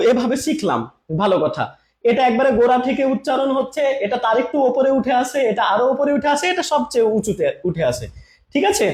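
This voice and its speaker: A man teaching an online grammar lesson, who repeats sounds slowly and keeps asking the viewer questions. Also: very high voice. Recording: echoey room.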